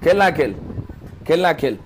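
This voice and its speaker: High male voice for a combative livestream argument, with some faint background noise. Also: big pitch swings, brisk. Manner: argumentative, keeps cutting in and repeating himself. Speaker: livestreamer in a live battle. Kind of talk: heated live argument. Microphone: phone.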